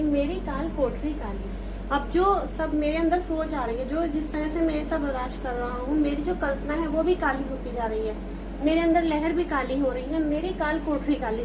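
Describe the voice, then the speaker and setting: A woman teacher who reads verse lines slowly and then explains them in plain talk to students. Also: high-pitched, background noise. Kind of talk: explaining a Hindi poem to students.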